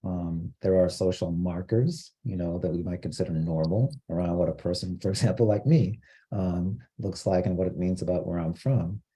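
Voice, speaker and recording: A man from Costa Rica giving an online training lecture, explaining terms in a measured way with frequent fillers. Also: low-pitched, dark tone, breathy edge. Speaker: diversity trainer.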